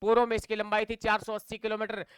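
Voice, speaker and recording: A man's voice: high voice, completely flat delivery, fast, smooth, dry recording. A young man teaching an exam-prep class in with a tinge, repeating key facts and quizzing his students. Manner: sing-song memory chants.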